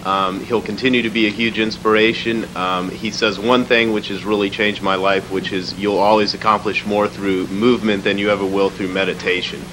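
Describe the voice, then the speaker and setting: Businessman, low monotone voice, lots of ums, hiss behind it. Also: moderate pace, few pauses. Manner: earnest and plainspoken, with many fillers. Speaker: business owner giving a testimonial. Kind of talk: spoken testimonial. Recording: hissy background noise.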